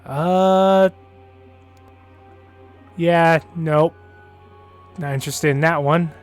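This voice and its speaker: Man streaming a game, chatty, reads in-game books aloud, slightly high voice, faint music behind. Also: steady tone, drawn-out words. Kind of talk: casual gameplay commentary and reading aloud.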